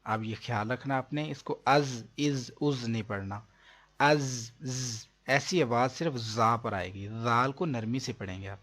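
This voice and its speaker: A man with a Pakistani Urdu accent teaching Quran reading, drawing out letter sounds slowly in drills between quicker explanations. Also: medium pitch, a bit bright. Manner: slow, drawn-out demonstration of letter sounds, then quicker explanation.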